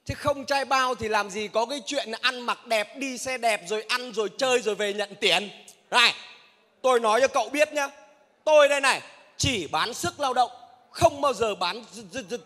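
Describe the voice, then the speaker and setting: Loud bright-voiced comic man in a hall. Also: very high-pitched, moderate pace. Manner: loud, boastful, bantering. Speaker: xe om driver in a comedy sketch. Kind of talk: stage comedy sketch. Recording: reverberant hall.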